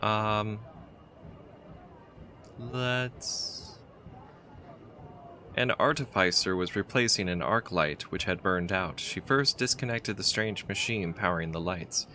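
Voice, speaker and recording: A man's voice: low-pitched, unhurried, pushed and bright, a little hiss or hum. A man playing a text adventure game, chatting casually and reading the story aloud, often stumbling and restarting words. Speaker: game player.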